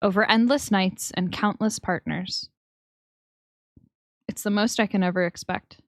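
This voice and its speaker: A young woman streamer reading a story game aloud with slow, expressive narration. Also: mid-range voice, no echo, studio quality.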